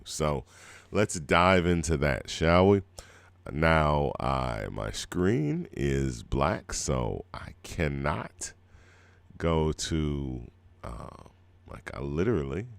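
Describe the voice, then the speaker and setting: With a rumbling, creaky low voice, a middle-aged radio host rambles easily through his live music show, throat scratchy from a cold. The recording is dry.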